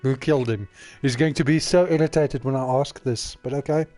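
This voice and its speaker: A man's voice: mid-range voice, brisk, mellow, no room sound, faint music behind. A man streaming a video game, chatting casually and thinking aloud with self-mocking remarks.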